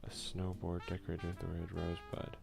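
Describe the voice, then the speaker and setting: A male gaming video host speaks quite quickly in a low, monotone voice with vocal fry. His ASMR let's play is informal, with game text read aloud and slangy mutters, all over background music.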